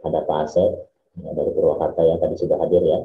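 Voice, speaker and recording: Very deep man on echoing, breaking-up call audio. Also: level tone, racing, gravelly, a little hiss or hum. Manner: welcoming, reads out participants' names. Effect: echoing, droning, breaking-up call audio. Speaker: online meeting host. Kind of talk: hosting a video call. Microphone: computer or phone on a video call. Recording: echoey, dull, choppy video-call audio.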